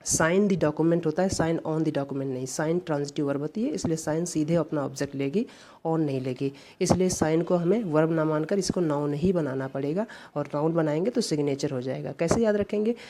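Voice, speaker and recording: A woman's voice: sits low, moderate pace, mellow. A woman from India explaining English grammar step by step in an exam-prep lesson, repeating key words. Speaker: English teacher.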